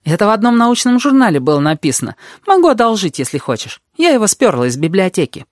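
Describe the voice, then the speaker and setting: A reader voicing a bold, chatty red-haired girl who lectures quickly and jumps between topics. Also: medium pitch, sing-song, dry recording, studio quality, pitched above the performer's own voice, lightly acted. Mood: bossy. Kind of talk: audiobook character voice.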